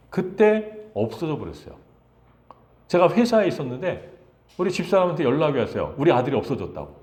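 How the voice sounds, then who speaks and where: A middle-aged man preaching a conversational Sunday sermon as pastor, lively and full of rhetorical questions to the congregation. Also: fairly high pitch. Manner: acts out quoted lines in changing voices.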